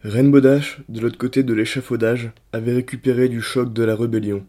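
A man narrating a dark story in a steady, dramatic reading voice. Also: mid-range voice, fairly quick.

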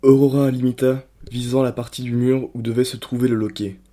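A man narrating a dark story in a steady, dramatic reading voice. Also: medium pitch, fairly quick.

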